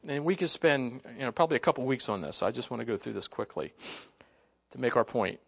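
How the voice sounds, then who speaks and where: A man's voice: mid-range voice, lively intonation, fast talker, vocal fry, breathy edge. A male pastor preaching a sermon that explains scripture verse by verse, in a conversational, folksy way with frequent "you know" fillers. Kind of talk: expository sermon.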